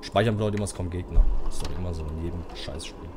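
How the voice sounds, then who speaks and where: A man giving live commentary on a horror game, swearing, ranting and yelling at the game. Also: low voice, very fast, noisy background. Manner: swears, rants and yells at the game. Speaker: streamer.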